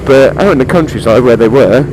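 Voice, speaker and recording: A British man talks from inside a motorcycle helmet, with clear vehicle noise around him. His pitch is average for a man. He rambles along in an informal, chatty way, like a rider vlogging on the road, and drops in mild swearing. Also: animated, a little fast. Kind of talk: casual motovlog chat to the viewer while riding.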